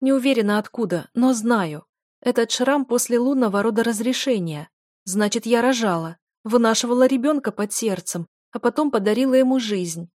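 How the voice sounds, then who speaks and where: A woman's voice: on the high side, normal speed, darkish tone, dry recording, clean studio sound, voice pushed up, natural voice. A woman reading an audiobook voices an anxious, tearful young wife who speaks in a raised, pleading, urgent way.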